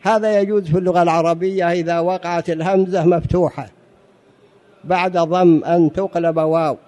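Addressing his audience as brothers, a man teaches a religious lesson on jurisprudence in a high-pitched, darkish voice. His intonation stays fairly even and his pace fairly quick as he patiently explains, repeats key phrases, and poses rhetorical questions.

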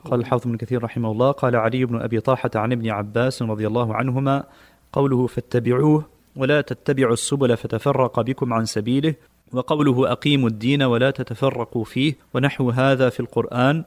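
A man reads classical texts aloud for a study session. His delivery is formal and measured, and he keeps a steady pace through long passages. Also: medium pitch. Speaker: student reading texts aloud.

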